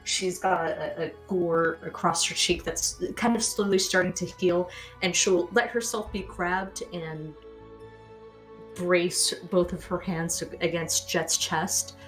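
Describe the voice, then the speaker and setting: A young adult woman narrating a tabletop game as game master, with descriptive, unhurried narration. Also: lowish voice, fairly even intonation, faint music behind, low-quality recording.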